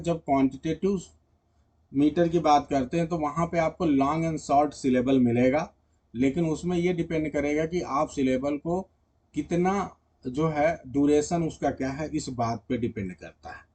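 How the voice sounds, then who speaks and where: A man's voice: a little high, normal speed, a little mellow. A male teacher giving an exam-prep lecture in Hindi mixed with English terms. He explains step by step and keeps checking that students follow. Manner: mixes English terms and read-out definitions into Hindi.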